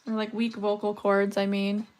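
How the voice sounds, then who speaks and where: A woman's voice: medium pitch, monotone, moderate pace, a little mellow. A woman in her thirties with a slightly scratchy, weak voice, chatting casually and rambling on a livestream while she beads. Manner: chatty, rambling, laughs often. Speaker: livestream host. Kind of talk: casual chat while beading.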